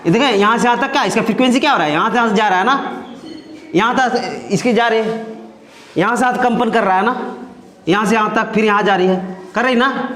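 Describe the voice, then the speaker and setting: This classroom science teacher has a high, fairly bright voice and talks briskly, though he leaves long pauses. He chats with his students, repeats phrases, and keeps asking "है ना?" to check in, with the room sounding echoey.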